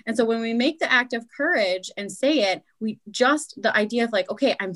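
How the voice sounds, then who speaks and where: A woman's voice: fairly high pitch, animated, a little fast, a bit bright. A woman speaking as a podcast guest, explaining things earnestly in a casual chat, with many "like" and "right?" asides.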